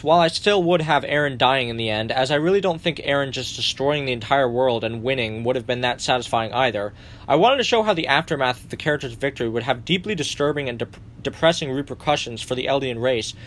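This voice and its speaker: A man's voice: medium pitch, fairly bright tone. A young man hosting a commentary video, narrating a story summary in a sardonic tone with occasional swearing. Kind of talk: narrated fan rewrite summary.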